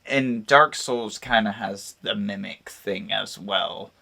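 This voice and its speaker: A man co-hosting a gaming podcast in casual chat, animated and laughing often. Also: lowish voice, slow pace, gravelly. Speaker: podcast co-host.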